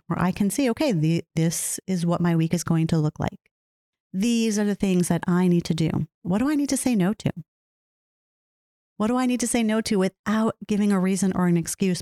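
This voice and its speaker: Earnest woman podcaster, warm and dry. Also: mid-range voice, normal speed, no echo. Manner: earnest, repeats phrases, asks herself questions. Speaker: podcast host. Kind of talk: reflective solo podcast talk.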